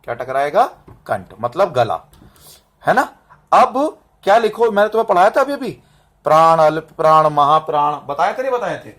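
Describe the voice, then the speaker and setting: A man with a fairly high voice leads a classroom-style lesson. He drills students through lists of terms and syllables, repeats them slowly, and keeps checking that they follow. He records it himself on a camera that he sets up and adjusts. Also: big pitch swings, fairly bright tone. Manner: drills terms and asks "समझ में आ रहा है?" to check understanding. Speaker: Hindi teacher. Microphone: camera mic, set up and adjusted by himself.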